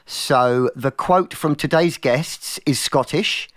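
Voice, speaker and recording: A man co-hosting a podcast in casual chat over a video call, brisk, steering the talk and swearing casually. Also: on the high side, a bit bright, dry recording, studio quality. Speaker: podcast co-host.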